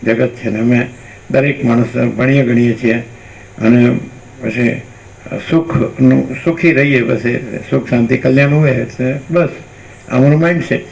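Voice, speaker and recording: A man teaching in a spiritual discourse, with a gravelly, creaky voice at a middle pitch. He talks unhurriedly, circling back over phrases and often stopping to ask his listeners rhetorical questions. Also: fairly even intonation, a little slow, darkish tone, poor audio.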